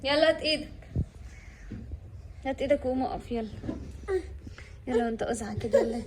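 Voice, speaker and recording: A woman's voice: high voice, brisk, a little hiss or hum. A young Egyptian mother at home, coaxing her baby in a sing-song, laughing way while she films. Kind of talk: home video chat with her children. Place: at home near the kitchen.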